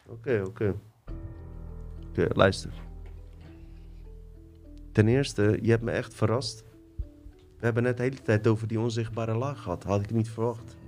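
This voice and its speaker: A man's voice: lowish voice, moderate pace, pauses often, faint music behind. Easygoing male podcast host, slangy. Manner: relaxed, slangy, addresses viewers. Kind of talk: casual podcast chat.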